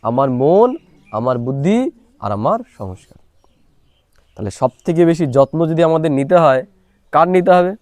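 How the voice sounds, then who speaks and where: A man's voice: mid-range voice, lively intonation, normal speed, pauses often, a little mellow, dry recording. A man teaching a spiritual meditation class who keeps asking listeners whether they follow, speaking into a clip-on mic recorded on a phone. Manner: asks listeners rhetorical check-in questions. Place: small room, recorded on a mobile phone. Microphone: clip-on microphone.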